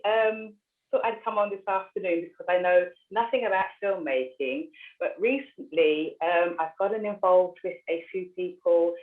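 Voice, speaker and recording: A woman from who talks in a chatty, friendly way while cooking in her kitchen. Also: on the low side. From London, England. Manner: chatty and friendly, laughing often. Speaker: teacher and workshop participant. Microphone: video call device away from her. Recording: echoey, distant, phone-like video call.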